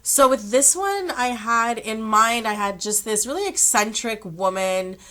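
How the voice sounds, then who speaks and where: A young woman with a sick, slightly rough voice, chatting casually to her channel with rambling asides and throat-clearing. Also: a little high, lively intonation, measured pace, sharp tone. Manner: chatty, rambling, self-amused. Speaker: vlogger. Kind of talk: casual chat.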